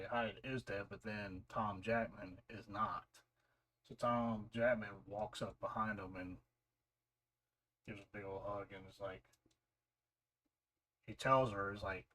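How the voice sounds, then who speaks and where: A man's voice: lowish voice, bright, forceful tone. A man casually recapping and reviewing a series episode, rambling with fillers and restarts. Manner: rambling, loose retelling with many fillers and restarts. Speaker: show reviewer.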